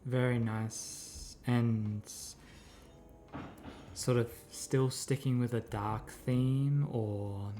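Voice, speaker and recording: A streamer with a scratchy voice paints miniatures while chatting casually with viewers, rambling and replying to their messages. His medium-pitched voice is warm and steady, with drawn-out words, and faint music plays behind him.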